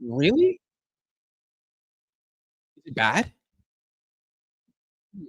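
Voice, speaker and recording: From a room at home in Argentina, a worn-out young man losing his voice rambles chattily on a live stream, answering questions from chat. His husky, rather high voice swings wildly in pitch and moves very slowly, with no echo.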